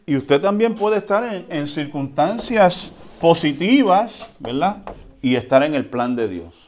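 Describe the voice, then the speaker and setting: A man preaching a sermon in a conversational way, often checking in with the congregation and swinging between quiet and loud. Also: fairly high pitch, measured pace, a little hiss or hum. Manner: lively swings between soft and loud, with chuckles. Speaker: pastor.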